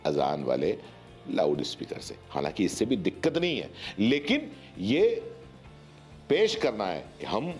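An Indian man in his forties delivers emphatic, opinionated news commentary, often posing rhetorical questions. His voice is fairly low and a little mellow, recorded on a lapel mic.

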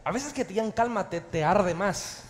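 A man preaching a sermon as pastor to a live congregation, animated and jokey, swinging between loud and soft. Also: high-pitched, moderate pace. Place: large church hall with live audience. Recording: reverberant live hall recording.

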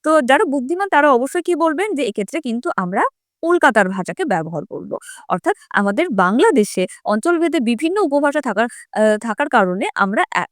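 A woman's voice: on the high side, dry recording, studio quality. A woman teacher explaining a set essay to school students. She reads quoted lines aloud and then explains them plainly, with frequent fillers.

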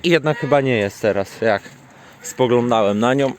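A man's voice: mid-range voice, moderate pace, slight background noise. A man filming his farmyard outdoors while feeding the animals, chatting casually and scolding and coaxing them. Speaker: farm vlogger.

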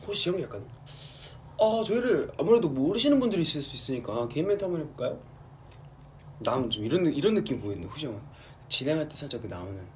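Lively young man chatting on a livestream. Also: fast talker, a little hiss or hum. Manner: animated, acts out fans' voices in high squeals. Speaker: idol livestream host. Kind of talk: casual chat. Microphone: phone or camera livestream.

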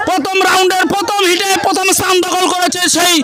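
A man with a West Bengal Bengali accent calls a horse race live as host, shouting repetitive, urgent, drawn-out phrases in an excited race caller style. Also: very high-pitched. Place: outdoor racing field. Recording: outdoor live stream with loud crowd noise. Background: loud crowd and outdoor noise.

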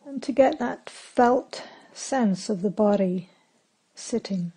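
Guiding a meditation, this woman teacher is calm, gentle and unhurried, leaving long pauses between phrases. Her voice is mid-range and slightly rough, and the audio quality is poor.

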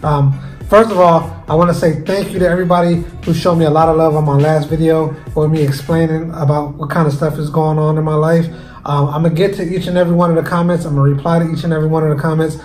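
A man's voice: fairly high pitch, fairly even intonation, fast talker, darkish tone, soft background music, poor audio. A man hosting his cooking channel, chatting casually while he eats through a mukbang. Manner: chatty, talks while eating.

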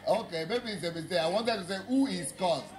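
A man's voice: high voice, animated, a little fast, over music. A man, preaching and quizzing his listeners in an emphatic teaching sermon. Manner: quizzing, emphatic, laughs when making a point. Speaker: pastor.

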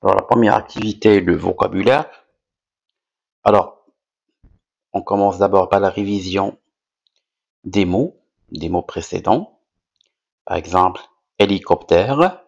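Slow, low-voiced man teaching vocabulary. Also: creaky, darkish tone, lo-fi sound. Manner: repeats each word, over-articulated and rising on key words. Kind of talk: slow, deliberate vocabulary lesson.

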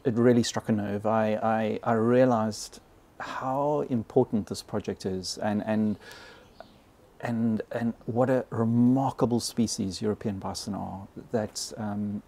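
A South African man in his fifties, a bison ranger, is a guest on a podcast recorded in a small log cabin. He speaks hesitantly and often repeats words, in a lowish, gravelly, dark voice with fairly even intonation and an unhurried pace. A close podcast mic on a boom arm captures him.

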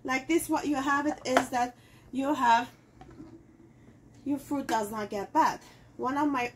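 A kitchenware-selling cooking show host, middle-aged and a native Armenian speaker, talks casually in a slightly high voice during a demo in her home kitchen. She uses loose phrasing and lots of fillers. The recording is low quality with slight background noise.

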